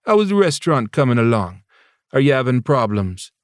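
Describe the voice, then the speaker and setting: A man voicing an older mother with a Jamaican accent who speaks in a lilting, gently teasing way. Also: medium pitch, big pitch swings, brisk, dry recording, clean studio sound, pitched above the performer's own voice, close to an everyday voice. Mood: doting.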